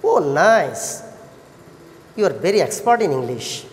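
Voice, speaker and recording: A woman with a Bangladeshi accent teaching an English lesson to children, encouraging and praising like a kids show host, with deliberate sing-song questions. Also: low voice, very animated, slight background noise. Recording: echoey hall-like reverb.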